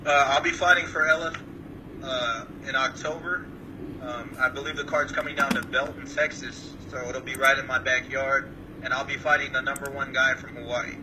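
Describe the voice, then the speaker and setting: A calm man from Samoa answers questions on a remote call, modest and hesitant, with lots of uhs. He sounds set back from the mic, and clear background noise runs under his voice. His pitch sits mid-range for a man. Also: normal speed, recorded from a distance. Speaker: guest fighter. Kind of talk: casual interview answers.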